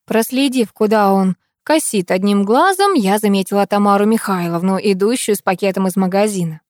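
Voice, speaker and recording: Expressive woman narrating an audiobook. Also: medium pitch, a little fast, no echo, clean studio sound. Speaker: audiobook reader. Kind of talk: first-person audiobook narration.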